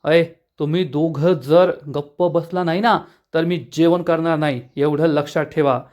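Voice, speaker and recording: A man's voice: on the high side, fairly even intonation, measured pace, a little mellow, natural voice. A man voicing a thin, touchy young man who sulks and complains, in an episode recap. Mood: sulking. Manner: whiny, sulking complaints.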